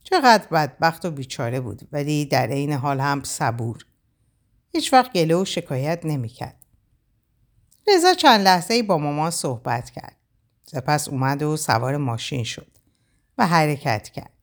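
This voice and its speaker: A woman reading a first-person novel aloud with expressive, emotional storytelling. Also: sits low. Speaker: audiobook narrator.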